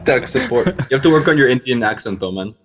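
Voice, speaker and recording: A man's voice: mid-range voice, expressive, fast talker, a bit bright. A young man, a university student, hosting a casual podcast chat and teasing his friends with jokes. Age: young adult. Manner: teasing, joking banter. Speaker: podcast host.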